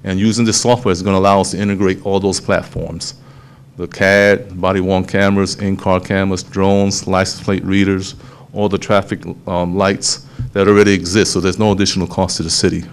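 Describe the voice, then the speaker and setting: A man, a police official explaining a program to a town hall meeting, steady and explanatory, often restarting phrases. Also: low-pitched, fairly quick, a little hiss or hum. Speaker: police official presenting to city council.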